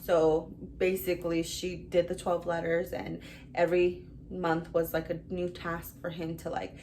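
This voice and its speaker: A woman's voice: lowish voice, completely flat delivery, unhurried, a little mellow, a little hiss or hum. A young woman reviewing books in a casual vlog, chatty and rambling, full of fillers and gushing about what she read. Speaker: book reviewer.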